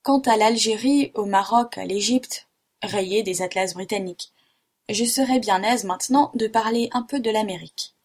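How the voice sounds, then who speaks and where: Husky-voiced excitable French geographer, theatrical outbursts; woman reader. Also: medium pitch, moderate pace, lightly acted. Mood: excited. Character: excitable middle-aged male French geographer.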